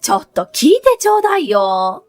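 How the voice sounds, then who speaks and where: A woman voicing a shrill, indignant older mother-in-law in a read-aloud story. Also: very animated, normal speed, darkish tone, faint music behind. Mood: agitated.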